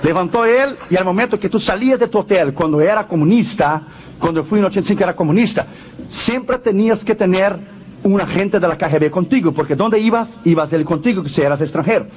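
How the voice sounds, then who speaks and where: A man's voice: high-pitched, fairly quick, a little hiss or hum. A man preaching a sermon, telling a story with fervor and calling out praise. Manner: fervent, building to loud praise. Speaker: evangelist preacher.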